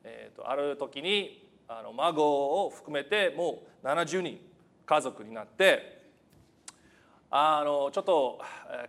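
A man whose first language is not Japanese, preaching a church sermon in a halting, light-hearted way, with many fillers and self-deprecating humor. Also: fairly high pitch, gravelly, fairly bright tone.

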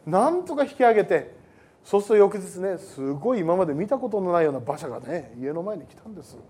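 A male pastor preaching a sermon to a congregation in a lively, joking way that often wanders off topic. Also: sits high, fast talker, slightly rough. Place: church service with a congregation.

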